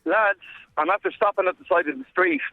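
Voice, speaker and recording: A man's voice: high voice, very animated, a little fast, creaky, no room sound, faint music behind. A man giving an emphatic, casual live report over the phone, often repeating himself for effect. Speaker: radio show presenter on a challenge. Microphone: phone call. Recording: muffled, phone-like line.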